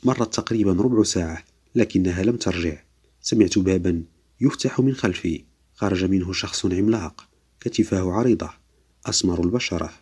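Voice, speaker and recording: A man narrates a scripted story in a steady, measured way. His voice sits very low and has a husky edge. He reads evenly from line to line.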